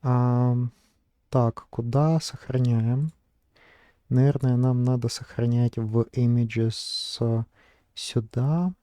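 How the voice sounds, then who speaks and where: A man's voice: medium pitch, fairly even intonation, takes it slowly, mellow, clean tone, dry recording. A man narrating his screen as a vlogger, thinking aloud in a hesitant way with many fillers. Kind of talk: casual screen-recording narration.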